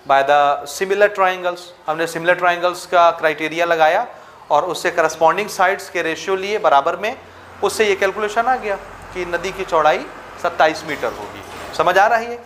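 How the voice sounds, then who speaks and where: High-voiced man teaching maths. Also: normal speed, fairly bright tone, slight background noise. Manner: keeps checking if students follow, switches into English for terms. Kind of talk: blackboard-style maths lesson.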